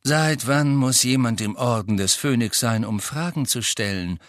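A man voicing a grown wizard who speaks calmly and steadily, close to his own crisp voice. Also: mid-range voice, moderate pace, dry recording, natural voice. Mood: challenging. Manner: calm, steady.

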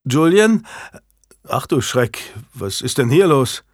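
A man voicing a blunt, excitable young knight who exclaims loudly in an audiobook. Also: mid-range voice, measured pace, husky, dry recording, clean studio sound. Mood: startled. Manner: loud and exclaiming.

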